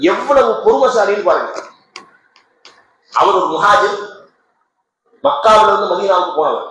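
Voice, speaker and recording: A man giving a Friday sermon in a mosque, impassioned, dropping to soft low tones and rising to shouted peaks. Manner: acts out a crying child's words inside the story. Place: mosque prayer hall. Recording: very echoey mosque hall, faint noise.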